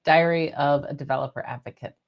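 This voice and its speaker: A woman's voice: low voice, steady tone, fast. A woman developer advocate introducing herself matter-of-factly on an online panel. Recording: dull muffled call audio.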